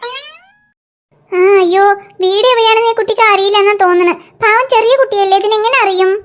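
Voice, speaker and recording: A woman's voice: very high-pitched, steady tone, brisk, a little hiss or hum, voice pushed down. A woman voicing a kind motherly woman in a cartoon, soothing and fussing over a lost child.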